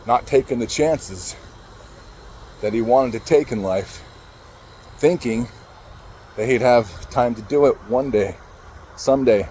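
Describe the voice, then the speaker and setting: Male speaker, low and warm, emotional storytelling with halting restarts, faint street ambience. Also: slight background noise, low-quality recording. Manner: halting, emotional, swears casually. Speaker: motivational speaker. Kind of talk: personal storytelling.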